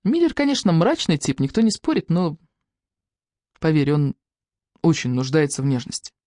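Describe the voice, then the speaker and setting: A woman's voice: sits low, very animated, normal speed, dark tone, no room sound, clean studio sound. A woman voicing an earnest, caring young woman who talks her friend round, in a storybook reading. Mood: persuasive.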